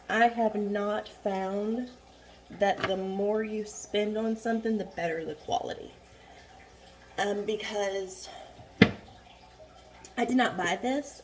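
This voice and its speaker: A chatty woman walks through her foundation routine at home, rambling and blunt in a casual tutorial. Her voice sits in a middling pitch and is a touch hoarse. It is recorded on a phone. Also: darkish tone. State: a little hoarse. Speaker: beauty vlogger. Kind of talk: casual makeup tutorial chat. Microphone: phone camera.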